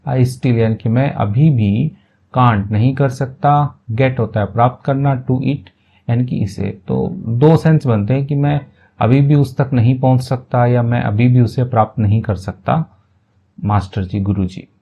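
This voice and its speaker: A man's voice: mid-range voice, fairly even intonation, vocal fry, warm tone, highs cut off, slight background noise. A man teaching English by reading a story line by line and explaining each phrase in Hindi, stopping now and then to correct himself. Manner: reads English words slowly, then explains them in Hindi; self-correcting, with brief apologies. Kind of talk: line-by-line story translation lesson.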